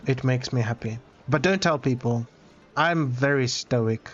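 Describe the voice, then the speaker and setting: A man's voice: medium pitch, unhurried, highs cut off. A man streaming a game, chatting casually with viewers in a rambling, self-interrupting, playfully dramatic way. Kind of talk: casual live-stream chat while gaming.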